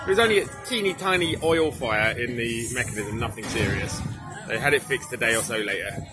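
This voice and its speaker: A middle-aged father hosts a casual vlog outdoors at a windy theme park, speaking into a handheld camera in a mid-pitched voice. He teases and quizzes the kids about each ride, and clear music plays behind him. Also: brisk. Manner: playful, teasing, quizzing the kids.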